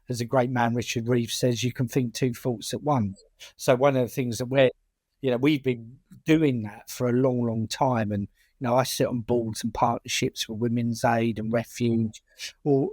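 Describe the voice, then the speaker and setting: A man's voice: medium pitch, darkish tone, no echo. A man with a British working-class accent answering in a conversational interview, often repeating words and restarting sentences as a campaigner. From United Kingdom. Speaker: charity chair and campaigner.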